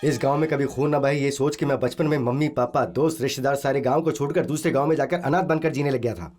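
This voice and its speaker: A man's voice: medium pitch, steady tone, quick pace, music in the background, lightly acted. A man voicing an earnest, principled hero. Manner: earnest, persuasive. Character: calm, principled young male officer. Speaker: officer, hero. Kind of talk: Hindi film dub.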